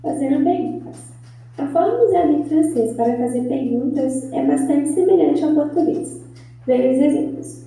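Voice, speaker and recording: High, mellow woman reading a lesson. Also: gravelly, soft background music. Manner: careful, measured reading. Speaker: student reading the lesson text. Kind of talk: reading a lesson text aloud. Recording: echoey, distant, dull sound.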